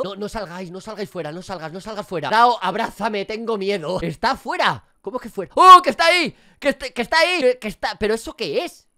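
A woman with an accent from Spain giving excitable let's-play commentary. She reads in-game dialogue aloud and talks straight to her subscribers. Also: mid-range voice. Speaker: gaming YouTuber. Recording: game music behind the voice.

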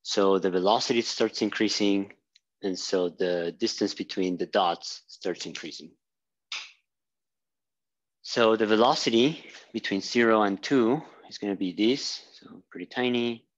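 A man's voice: lowish voice, a little slow, muffled recording. A man teaching physics at a whiteboard, thinking aloud with fillers and restarts as he draws. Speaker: physics instructor. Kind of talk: whiteboard lecture. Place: small room at a whiteboard.

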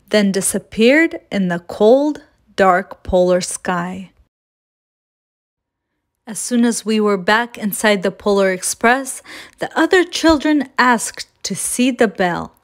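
A woman reading a children's picture book aloud as a storyteller, gentle and expressive. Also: medium pitch.

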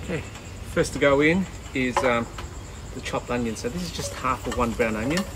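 A cooking vlogger in his forties chats casually while foraging and cooking in an outdoor garden kitchen and along a rocky bay shore, relaxed and full of ums. His mid-range voice moves at normal speed. A camera mic at medium distance picks him up along with loud ambient noise.

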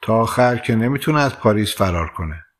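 A man's voice: fairly low pitch, expressive. A man voicing a caring young woman friend, heartfelt and concerned, in an audiobook.

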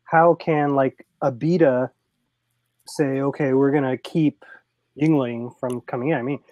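A man's voice: medium pitch, steady tone, measured pace, darkish tone, no echo. A man co-hosting a casual beer chat, speaking in an easygoing way with some hesitations.

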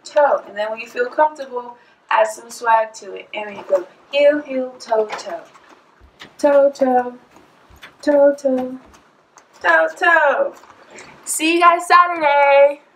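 Woman dance teacher, hyped delivery, slow steps, roomy echo. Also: high voice, fairly bright tone, slight background noise. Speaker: dance instructor. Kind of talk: upbeat dance tutorial.

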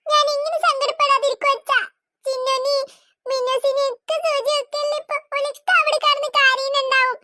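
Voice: very high voice, little pitch movement, brisk, pushed and bright, no echo, studio quality, full character voice. A performer voicing a clingy, anxious little girl in a cartoon, pleading. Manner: pleading, childlike.

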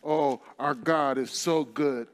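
A man's voice: medium pitch, fairly even intonation, slow. A man preaching a sermon at a live worship night, building in fervent, repeating bursts. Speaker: pastor.

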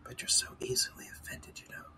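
A man's voice: fairly quick, sharp tone. A man whispering the lines of a polite, eager young girl in a storybook reading. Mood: pleading.

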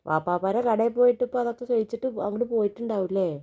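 A woman chatting gently with a small child at home, coaxing and reassuring in a calm, patient way. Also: fairly high pitch, very fast, highs cut off. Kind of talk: casual chat with a small child.

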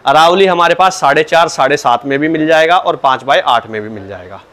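Guy selling stuff, fairly high voice, patient salesman tone, keeps saying sir. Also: fairly quick, a bit bright. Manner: patient, salesman-like, repeatedly opens with "sir, look". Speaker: cow mat dealer. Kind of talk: product explanation in an interview.

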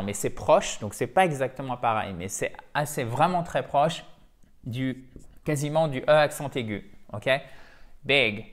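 A middle-aged man with a voice at an ordinary male pitch teaches English vocabulary in a lively monologue. He talks chattily and pokes fun at himself. He often repeats and rephrases his points.

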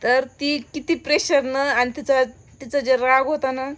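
A woman's voice: high-pitched, fairly even intonation, unhurried, a bit bright, a little hiss or hum. A woman vlogger chatting casually, laughing and playfully complaining to the camera and a friend. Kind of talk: casual vlog chat.

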